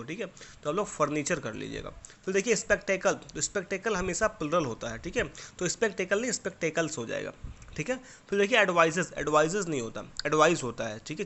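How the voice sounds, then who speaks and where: A man's voice: a little high, a bit bright. A young man teaching English grammar to schoolchildren, explaining patiently in Hindi with Indian-accented English examples. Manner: patient, repeats "theek hai" to children. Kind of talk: classroom lesson explanation in Hindi.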